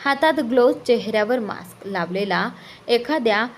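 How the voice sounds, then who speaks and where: A woman's voice: on the high side, lively intonation, normal speed, slight background noise, lightly acted. Woman voicing a young wife in a romance. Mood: playful. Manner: pleading, teasing. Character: young wife, startled then playful.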